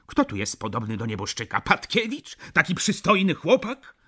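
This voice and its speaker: A smug young student, as an audiobook reader puts him on, sugary and mannered, mocking everyone under a polite surface. His pitch rises high and dances around, and the voice has a husky grain. It sounds like an animated storybook reading. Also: normal speed, exaggerated voice. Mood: smug politeness. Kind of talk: audiobook character voice.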